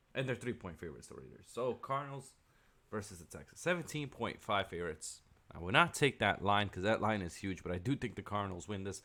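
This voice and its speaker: Man with a very low voice, offhand. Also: fairly bright tone. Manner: offhand, opinionated, with frequent ums and asides. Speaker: sports video host. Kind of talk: casual solo sports picks commentary.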